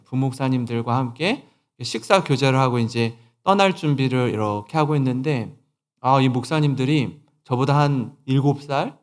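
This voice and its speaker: A man in his forties, a pastor from Seoul, preaching a sermon and telling a personal story with quoted dialogue and lively emphasis. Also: medium pitch. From Seoul, South Korea. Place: church sanctuary.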